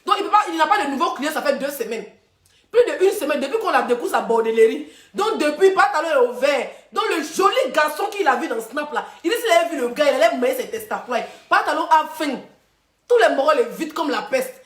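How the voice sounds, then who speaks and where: A woman's voice: high voice, lively intonation, a little fast, echoey room. A woman hosting a live stream, taunting and chanting insults with laughter. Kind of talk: mocking live-stream rant. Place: room, phone on live stream. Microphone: phone.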